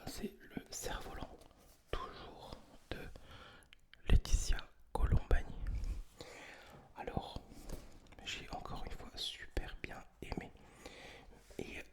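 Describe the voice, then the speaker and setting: A person speaking entirely in a breathy whisper, close to the mic, presenting books in a casual, informal ASMR style. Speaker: ASMR video host. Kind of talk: whispered ASMR book review, casual chat.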